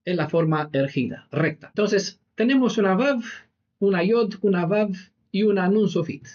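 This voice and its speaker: A man leads a Bible study class, talking through each point patiently and checking in with his listeners. His voice sits a little high for a man. The recording is dull and lo-fi, with the top end cut off. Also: moderate pace, a little mellow. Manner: explanatory, peppers sentences with "¿vale?". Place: meeting room with a whiteboard.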